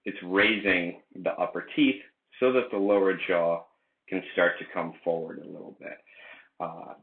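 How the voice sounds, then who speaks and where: A man in his late twenties with a very low voice rambles through a casual, unplanned video diary, full of ums and restarts. The sound is thin and phone-like, and the bare room around him echoes. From United States. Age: late 20s. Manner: rambling, many fillers and restarts. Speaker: vlogger. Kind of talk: casual unscripted vlog. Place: indoor room.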